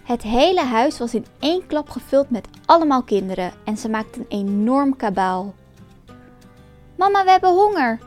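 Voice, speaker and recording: A woman storyteller reading a folk tale aloud in a calm, expressive way. Her voice is notably high. Soft music plays faintly behind her. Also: moderate pace, hardly any pauses. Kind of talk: scripted folk tale narration.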